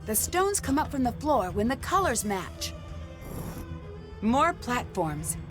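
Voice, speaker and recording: A woman's voice: fairly high pitch, very animated, slow. A woman voicing a plucky young detective in a video game, speaking earnestly. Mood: anxious, focused. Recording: loud game music behind. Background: loud game music.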